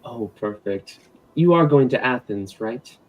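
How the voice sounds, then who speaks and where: A man voicing a huntress mother goddess with a gentle, familiar, encouraging manner in a tabletop game. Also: medium pitch, expressive, unhurried, lightly acted, low-quality recording. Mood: fond. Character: affectionate huntress goddess, mother to her cub.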